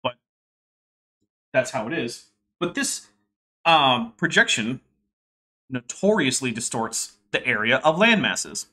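A young man hosts a home livestream, chatting wryly and reading viewer super chats aloud. He speaks slowly with long pauses, his mid-range voice pushed and bright with big pitch swings.

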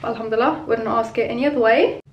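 Woman vlogger rambling on, kinda high voice, noisy street behind. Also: racing, muffled recording. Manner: chatty, rambling with fillers. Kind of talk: casual vlog chat.

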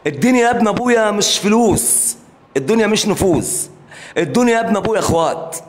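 A man's voice: high-pitched, animated, fast. A man making an impassioned, repetitive plea in a live interview. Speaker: interviewee, brother of a singer.

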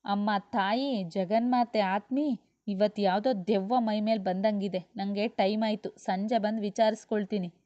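A woman's voice: medium pitch, fairly even intonation, normal speed, warm tone, no echo, lightly acted. A woman voicing an exasperated young husband who mocks and grumbles, in a dull lo-fi recording.

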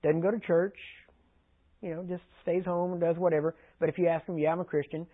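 A man's voice: high-pitched, flat delivery, brisk. A man from Texas, preaching conversationally and often checking in with his listeners. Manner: conversational, asks the audience frequent check-in questions. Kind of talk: sermon teaching. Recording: tinny phone-like archive recording.

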